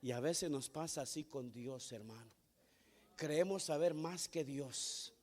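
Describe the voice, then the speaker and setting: A male pastor preaching a sermon, telling stories and building to loud emphatic peaks. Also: on the high side, unhurried. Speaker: founding pastor.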